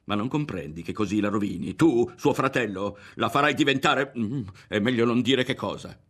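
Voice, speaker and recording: A man's voice: medium pitch, moderate pace, pitched above the performer's own voice, lightly acted. A man voicing a furious, threatening mother. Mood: accusing. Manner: shouting, venomous, accusing. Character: furious mother, middle-aged woman, threatening and shrill.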